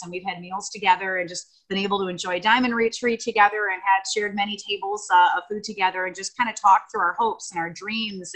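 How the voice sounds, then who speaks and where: A woman's voice: medium pitch, a bit bright, poor audio. An American woman on a video call giving an emotional, gushing tribute to a friend, rambling with fillers. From United States. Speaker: guest speaker on video call. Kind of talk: heartfelt tribute speech.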